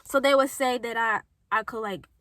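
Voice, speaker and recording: A woman's voice: on the high side, normal speed, fairly bright tone, dry recording, poor audio. A young woman from St. Louis, Missouri, with a St. Louis accent, telling her personal story in a rambling, chatty way with lots of fillers and tangents, a little congested from a cold. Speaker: vlogger. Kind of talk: personal testimony, casual talk to camera.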